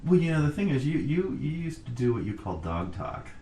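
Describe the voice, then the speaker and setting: A man interviewing a family member in a casual conversation, reminiscing and gently prompting with questions. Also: mid-range voice, sing-song, brisk. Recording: roomy recording with faint noise.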